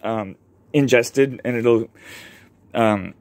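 Speaking very slowly at a medium pitch, a man who vlogs about home worm composting explains his bins casually, rambling with many ums and self-corrections. It's a show-and-tell filmed in his basement on a handheld camera mic aimed at his own hands. The recording is dry.

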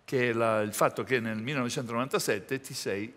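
Bright-voiced male TV host. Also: medium pitch, brisk. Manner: playful, teasing interviewer. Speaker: show host. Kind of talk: hosting a TV comedy show. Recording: large hall with audience. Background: audience crowd.

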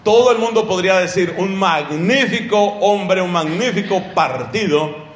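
Animated high-voiced man preaching, echoey room. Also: measured pace. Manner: animated, rhetorical questions to the audience. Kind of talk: sermon teaching.

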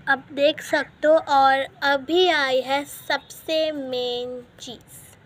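A woman's voice: sits high, a bit bright. A woman hosting a casual step-by-step craft tutorial at home, chatty and calling viewers guys, repeating her instructions as she works. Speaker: craft video host.

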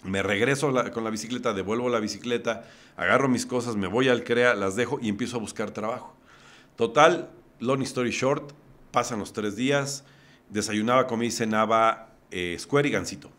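A man's voice: mid-range voice, normal speed, a bit bright. Mexican man telling a life story. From Mexico, Puebla. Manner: vivid storyteller, recounts scenes step by step. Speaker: podcast guest. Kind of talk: personal storytelling in conversation.

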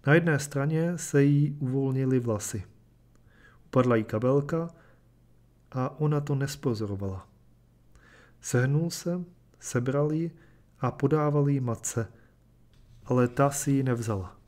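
A man reading a short story aloud and then explaining it in a measured, thoughtful way. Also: mid-range voice, darkish tone. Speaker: reader and commentator. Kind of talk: literary reading and lecture.

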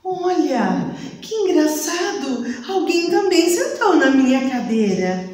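Mama bear, bright and wondering, as a woman storyteller plays her; roomy, far from mic. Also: sits high, very animated, takes it slowly, pitched above the performer's own voice, heavily acted. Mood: amused. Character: amused, chatty mama bear. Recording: echoey room, mic at a distance.

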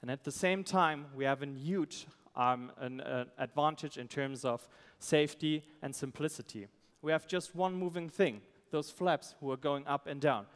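A man, a startup founder giving a halting, pitch on a conference stage. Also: smooth. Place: stage in a large event hall. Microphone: headset. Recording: amplified voice in large reverberant hall.

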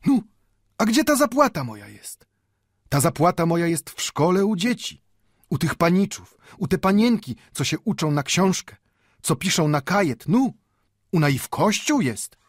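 An old man with a Yiddish-inflected accent, proud and fervent. He pleads in a high, swooping voice full of rhetorical questions, with a husky edge, in a storybook reading. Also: big pitch swings, a little slow, no echo, clean studio sound. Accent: Yiddish-inflected Polish. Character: old male bookbinder, impassioned, wry, proud.

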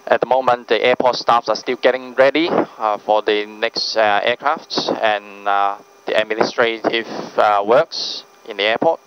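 A man speaks as an airline first officer in a low, very even voice. His announcement is formal and halting, heard over a muffled cabin PA. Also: clear, resonant tone. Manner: hesitant, formal. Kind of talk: flight deck announcement to passengers. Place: aircraft PA from the flight deck. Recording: muffled cockpit PA with cabin hum.

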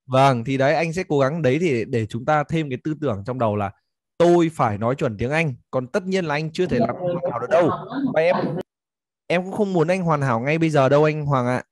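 A man's voice: fairly high pitch, a little fast, dry recording, clean studio sound. A man coaching a student one-on-one, encouraging and explaining corrections step by step. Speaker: English teacher.

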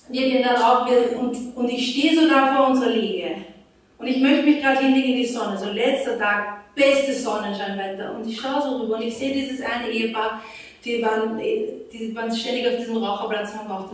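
A woman pastor preaches by telling a chatty personal story and acting out her own thoughts and replies. Her voice sits fairly high. She is heard from some way off the mic, in a hall with heavy echo. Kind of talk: sermon told as a personal story. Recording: roomy hall, voice from a distance.

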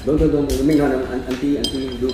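A man's voice: medium pitch, flat delivery, fast talker. A man in his forties making a casual food vlog at a restaurant table, talking in simple broken English while he eats. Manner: talks with his mouth full, simple broken English, mixing in Vietnamese. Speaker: vlogger. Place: small private room in a restaurant, indoors. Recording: echoey room with music playing.

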